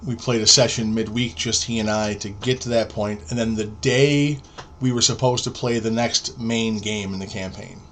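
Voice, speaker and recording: A man's voice: on the low side, moderate pace, a little hiss or hum. A man in his forties, a podcast co-host, casually telling a long story and acting out the quoted lines of each person in it. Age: 40s. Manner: animated storyteller, acts out quoted dialogue.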